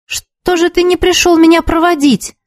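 An eager young ballet student with a high, bright voice that rushes out in urgent bursts, as a woman reading a story puts her on. The voice sits well above the reader's usual pitch, and the recording is close and dry with no room sound. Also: fairly even intonation, no room sound. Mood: hurried. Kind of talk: audiobook character reading.

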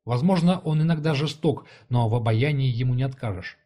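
A man with a mid-range voice reads a fantasy novel aloud as an audiobook, keeping his delivery even and measured.

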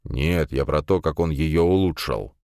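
A man voicing a wry, unhurried middle-aged professor of combat magic in an audiobook. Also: rumbling low, expressive, a little mellow, no room sound, studio quality, heavily acted.

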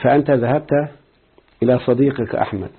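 A man's voice: mid-range voice, quick pace, husky. A man with an Egyptian Arabic accent teaching a grammar lesson, explaining step by step and quizzing his students. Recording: tinny phone-like lo-fi recording.

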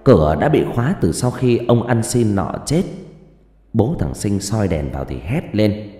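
A man narrating a ghost story, slow and dramatic, hushed on suspense, with roomy reverb and faint music. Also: lowish voice, very animated.

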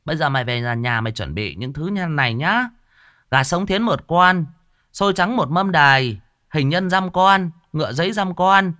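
A man voicing a shrill, bossy middle-aged female village medium who talks down to people. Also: expressive, moderate pace, pushed and bright, no room sound, studio quality. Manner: brusque, scolding, self-important.

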